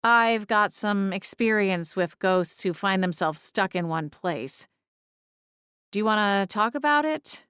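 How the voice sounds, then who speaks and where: A woman playing a kindly, reassuring ghost-seer with gentle conversational delivery in an audiobook. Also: medium pitch, expressive, a little slow, clean tone, no room sound, clean studio sound. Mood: gentle, sympathetic. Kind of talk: audiobook character dialogue.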